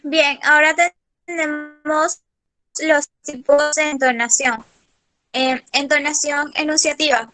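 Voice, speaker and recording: A woman student reading a class presentation in a plain, steady way, with a few fillers. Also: high voice, takes it slowly.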